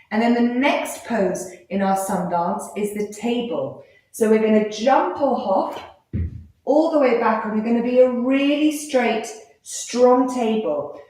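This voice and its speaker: A woman teaching a live children's yoga class, giving gentle, encouraging, playful instructions. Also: fairly high pitch. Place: live class in an indoor room. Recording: very echoey room.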